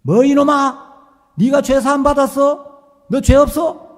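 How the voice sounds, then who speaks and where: A man acting out a stern older male pastor who scolds with a shouting voice. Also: sits high, big pitch swings, a little slow, big-room sound, heavily acted. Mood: roaring scolding. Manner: shouting rebukes, later gentle.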